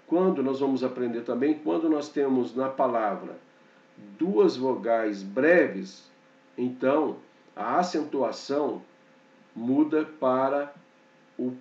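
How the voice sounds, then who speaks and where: A man teaching a slow, explanatory grammar lesson, pointing things out on a board and checking in often with short fillers. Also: medium pitch, darkish tone, distant mic. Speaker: Hebrew teacher. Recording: dull, echoey room, off-mic.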